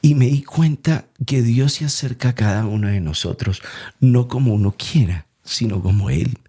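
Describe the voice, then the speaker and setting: A young Colombian man giving an emotional faith testimony as an interview guest, storytelling with lively acted-out quotes. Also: mid-range voice, normal speed, breathy edge. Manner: animated storyteller acting out quoted voices.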